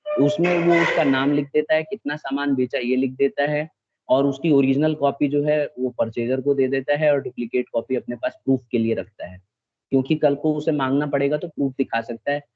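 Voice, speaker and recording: A man's voice: medium pitch, fairly even intonation, a little fast, a little mellow, muffled recording. A male teacher giving a classroom lecture, explaining step by step, often checking that the students follow and mixing English terms into his speech.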